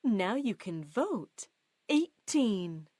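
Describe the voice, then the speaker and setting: Slow, sing-song woman bingo caller. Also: mid-range voice, sing-song, darkish tone, no room sound. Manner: calls each number with its rhyme, slowly and clearly.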